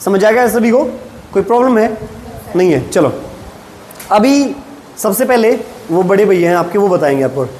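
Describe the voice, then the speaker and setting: A male English teacher, leading a classroom lesson and drilling short sentences slowly while asking students questions. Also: high voice, animated, darkish tone. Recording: echoey classroom with faint room noise.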